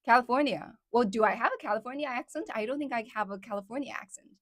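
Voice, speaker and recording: In a clean, dry studio recording, a woman with a fairly high voice talks quickly to her livestream audience. A native Chinese speaker with a Midwest American accent in English, she chats away, laughs a lot, and leans on fillers such as "like" and "somehow."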